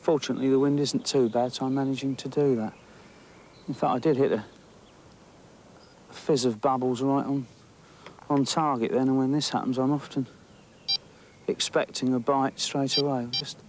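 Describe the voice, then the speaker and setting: Fishing by a lake, an angling presenter, a middle-aged man with an English accent, gives chatty on-location nature commentary to camera, restarting now and then as he thinks aloud. He speaks at normal speed in a steady, slightly mellow, medium-pitched voice, with a little background noise.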